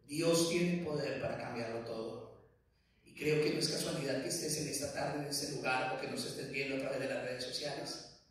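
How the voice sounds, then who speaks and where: High-voiced preaching man in echoey hall. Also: a bit bright, far from the mic. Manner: emphatic preaching with rising repeated phrases. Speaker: pastor. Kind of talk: sermon. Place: church hall.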